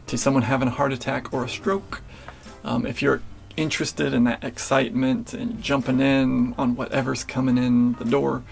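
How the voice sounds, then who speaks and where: A young man in his twenties, a nurse answering viewer questions in a relaxed vlog style, with many fillers and restarts. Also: medium pitch, gravelly. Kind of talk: casual Q&A vlog.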